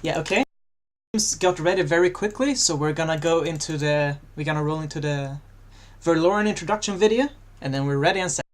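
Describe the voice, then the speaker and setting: A man's voice: a little high, fairly quick. A man casting a video game match, chatty and jokey, lifting his voice when fights break out. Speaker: esports commentator. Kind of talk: casual game commentary.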